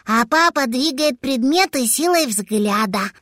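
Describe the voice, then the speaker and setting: A woman voicing a small, childlike male dragon who is eager and boastful, in a high, drawn-out, sing-song voice. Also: big pitch swings, bright, forceful tone, no room sound, studio quality, full character voice.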